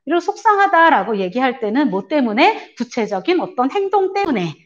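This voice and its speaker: Animated woman lecturing parents. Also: high voice, fairly quick, highs cut off. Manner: earnest, explaining, many fillers; acts out parents' lines in a raised voice. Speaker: parenting seminar speaker. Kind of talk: church parent seminar lecture.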